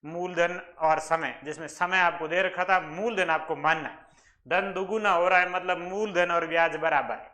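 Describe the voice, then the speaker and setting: Bright high-voiced man teaching maths. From Rajasthan, India. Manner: explains step by step, asks and answers his own questions. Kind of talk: exam-prep maths lesson.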